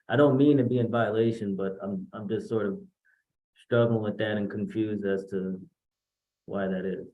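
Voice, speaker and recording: Give me a halting man on a roomy courtroom recording. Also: lowish voice, steady tone, narrow, tinny audio. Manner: halting, searches for words. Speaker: defendant.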